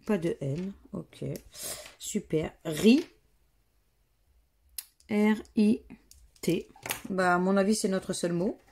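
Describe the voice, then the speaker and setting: A woman's voice: mid-range voice, darkish tone, a little hiss or hum. A woman with a French accent casually commenting as she scratches lottery tickets, reading letters out one by one in a murmur. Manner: slow, murmured, reads letters aloud one by one. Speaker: scratch-card vlogger.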